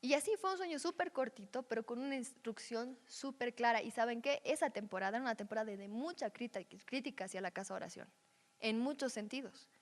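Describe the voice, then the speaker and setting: A woman with a fairly high voice leads a teaching session in a conversational way, often checking in with her listeners. Her voice carries a long reverb, as if heard in a large hall. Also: quick pace. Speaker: Bible teacher.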